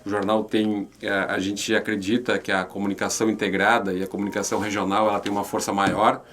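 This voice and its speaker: A man's voice: on the low side, little pitch movement, quick pace, fairly bright tone. A man with a southern Brazilian accent from Rio Grande do Sul, answering conversationally as an interview guest, repeating words and often seeking agreement with little tags. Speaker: interview guest, regional newspaper representative.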